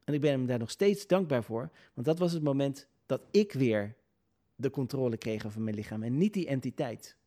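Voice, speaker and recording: A man with a dark, mellow tone tells a personal story straight to the listener. His delivery is hesitant and unscripted, full of filler sounds and broken-off sentences that he restarts. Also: medium pitch, moderate pace. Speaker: video creator telling a personal story.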